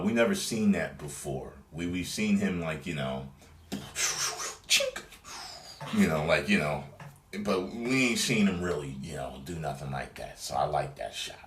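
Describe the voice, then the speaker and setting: Low-voiced guy ranting about a trailer, voice swings all over, roomy echo. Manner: animated, rambling, acts out scenes in voices. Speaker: movie trailer reviewer. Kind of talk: casual profane video review.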